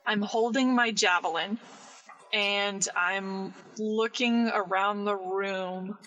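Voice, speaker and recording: A player in a tabletop game, talking deliberately and planning each move carefully. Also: medium pitch, fairly even intonation, bright, forceful tone, dull audio. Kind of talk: casual tabletop play.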